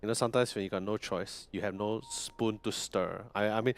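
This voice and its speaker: A man's voice: lowish voice, steady tone, brisk, smooth. A young man casting an esports event, chatting casually and laughing often. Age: young adult. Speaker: esports caster. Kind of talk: casual caster banter.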